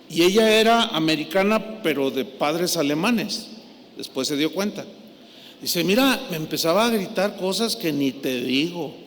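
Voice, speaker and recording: High-voiced preacher in a hall. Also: male voice. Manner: animated, swings from hushed to loud. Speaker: pastor. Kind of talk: sermon storytelling. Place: large church hall. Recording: echoey hall, faint noise.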